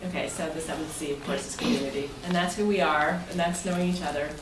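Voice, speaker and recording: With a low voice and steady tone, she moves at a quick pace. The woman is presiding over her club, giving members a casual, conversational presentation indoors. A distant mic picks up a roomy, noisy meeting room.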